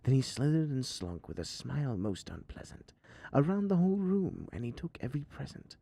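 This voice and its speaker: A man narrating a rhyming storybook theatrically, sometimes dropping into a hush. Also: mid-range voice, sing-song, normal speed, vocal fry, a little hiss or hum. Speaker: story reader.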